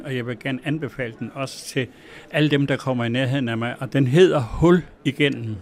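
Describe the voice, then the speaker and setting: A man of middle pitch opens a conversation with an author at a book fair. He speaks slowly and with filled pauses. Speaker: interviewer.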